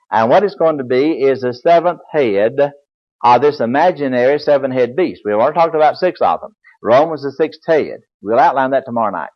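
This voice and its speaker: Older man, preacher, Bible lecture sermon, folksy and explanatory, middle pitch, muffled lo-fi recording. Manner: folksy, explanatory, spells words aloud. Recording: dull lo-fi recording.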